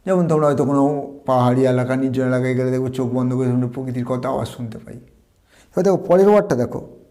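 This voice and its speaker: A man with a Bengali accent teaching English pronunciation in an online lesson, slowing down to drill words and example sentences. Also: mid-range voice, warm tone.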